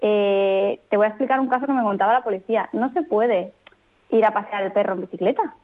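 A woman legal expert speaking as a radio guest, explaining rules in a clear, firm, methodical way. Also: medium pitch, a little fast. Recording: tinny phone line.

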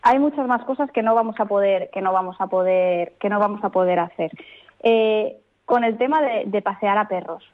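A woman's voice: medium pitch, normal speed. Woman explaining firmly over a phone line. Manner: clear, firm, methodical explaining. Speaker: legal expert guest. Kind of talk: explanatory radio interview.

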